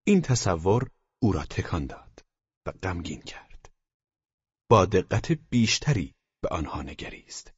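A man narrating an audiobook in a measured, even storytelling manner. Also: sits low, slightly rough, no room sound. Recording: dull lo-fi dry recording.

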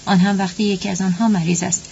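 A woman narrating a story at a steady, even pace. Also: mid-range voice, creaky. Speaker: audiobook narrator. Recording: dull lo-fi with faint hum.

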